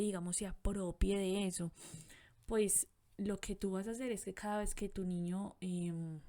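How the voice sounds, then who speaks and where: A woman hosting a podcast, giving parenting advice in a calm, reflective way, often pausing with soft fillers. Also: mid-range voice. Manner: calm, reflective, gentle, with frequent pauses and fillers. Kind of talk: conversational advice monologue.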